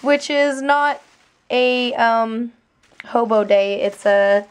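Young woman, raspy voice, higher pitch, chatty rambling vlog talk, giggly, on a film set. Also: takes it slowly. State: voice sounding raspy. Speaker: stunt performer vlogging. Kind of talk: casual vlog chat.

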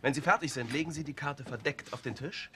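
An actor playing a uniformed officer who leads a guessing game at a table, giving playful instructions in a film scene. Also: male voice, mid-range voice, fairly quick, bright, forceful tone, slight background noise, close to an everyday voice. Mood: game-leading. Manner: instructing, playful, laughs often. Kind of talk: film dialogue.

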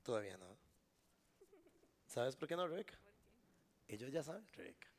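A man's voice: medium pitch, sing-song, moderate pace. A Costa Rican man performing a live magic trick on stage, joking with a volunteer and the crowd. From Costa Rica. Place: live event before an audience.

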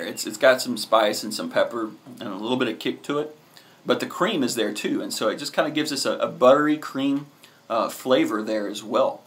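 Male vlog reviewer, thirties, average pitch, laid-back and halting delivery, speaking casually to a camera at arm's length. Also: fairly bright tone. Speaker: cigar reviewer, host.

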